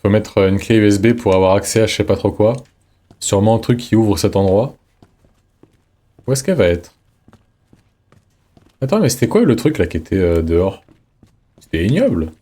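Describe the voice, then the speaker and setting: Male streamer, low mellow voice, chatty running commentary, reads notes aloud. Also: expressive, normal speed, long pauses. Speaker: streamer playing a horror game. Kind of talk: casual let's-play commentary.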